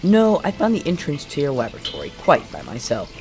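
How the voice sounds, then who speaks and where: A man's voice: a little high, huge pitch swings, fairly quick, darkish tone, soft background music. An actor playing a courteous, avuncular male professor in a radio play, speaking in genteel, formal phrases. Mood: genial, courteous. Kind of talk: dramatic radio play acting.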